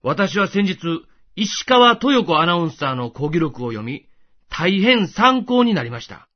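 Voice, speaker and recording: A man giving a scripted devotional talk as a host, explaining in a gentle, patient way. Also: high-pitched, sing-song, measured pace, lo-fi sound.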